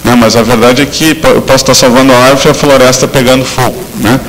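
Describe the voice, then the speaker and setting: A man's voice: medium pitch, fairly even intonation, fast, in a large hall, a little hiss or hum, rough recording. A man from southern Brazil giving an academic law lecture, speaking with frequent fillers and restarts. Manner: hesitant, many fillers and restarts.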